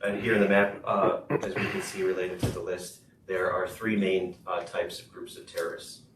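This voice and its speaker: Deep-voiced man interpreting at a meeting. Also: measured pace. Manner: steady, with frequent "uh" and "okay". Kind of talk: consecutive interpreting. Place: school board meeting room. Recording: echoey room, far mic, noisy.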